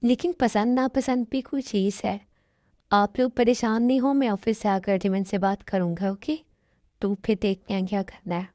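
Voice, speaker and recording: A woman dubbing a calm, dutiful young man who speaks with his parents, in an amateur dubbed love story. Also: mid-range voice, normal speed, no room sound, clean studio sound, lightly acted.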